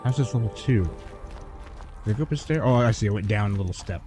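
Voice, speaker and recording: A man's voice: fairly low pitch, fast, over music. A man streaming a video game, thinking aloud with wry remarks. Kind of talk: casual gameplay commentary.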